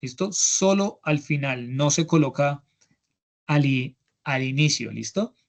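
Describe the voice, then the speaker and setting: This English instructor, a man with a Colombian Spanish accent, explains grammar step by step in an online class heard through a computer mic on a video call. His voice is fairly high and gravelly, animated yet slow, and he often checks in with "¿listo?"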